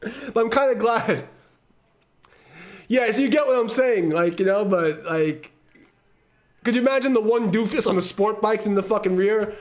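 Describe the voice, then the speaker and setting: A man's voice: sits high, expressive, normal speed, pauses often. A middle-aged man from Brooklyn, telling a rambling story on a live stream, swearing freely and laughing between words. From Brooklyn, New York. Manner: laughs often mid-sentence, heavy swearing, repeats words as he talks.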